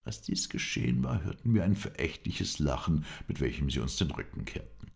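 Male audiobook narrator, extremely deep voice, gravelly, lively intonation, storytelling read. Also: normal speed. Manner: even, storytelling delivery. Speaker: audiobook reader. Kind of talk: audiobook narration of an adventure novel.

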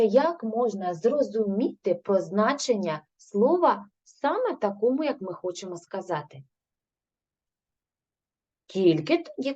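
Ukrainian woman, primary teacher, slow and patient, husky mellow voice, lively pitch, dull lo-fi recording. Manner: slow, patient questioning and answering herself. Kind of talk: recorded grade-three language lesson.

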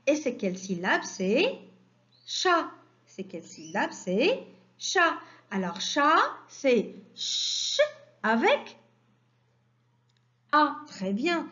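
A woman teaching a phonics lesson to young children, stressing each syllable slowly in a sing-song way. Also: high voice, big pitch swings, a bit bright, muffled recording.

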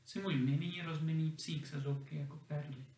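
A gentle, homesick young girl from a storybook, tender and affectionate , as a man puts her on. The voice sits a touch high and carries a gravelly texture. It echoes around a roomy space, picked up from a distance. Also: fairly even intonation, natural voice. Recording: roomy echo, distant mic.

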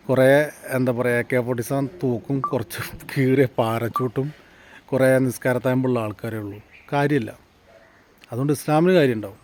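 A man with a medium-pitched, darkish voice delivers an angry political monologue to camera. His combative vlog rant is packed with rhetorical questions and heated peaks.

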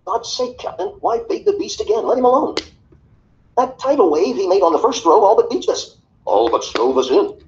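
A man doing scared sailors, high urgent pleading, audiobook reading, dull recording. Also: big pitch swings, normal speed. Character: frightened pleading ship's crew. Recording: dull recording, faint hiss.

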